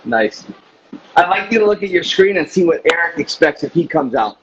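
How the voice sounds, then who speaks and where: A man's voice: fairly high pitch, expressive, brisk, crowd noise. A man chatting casually as an interviewer, with short reactions and questions. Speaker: interviewer, host. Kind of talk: casual chat. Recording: dull lo-fi audio with clear noise.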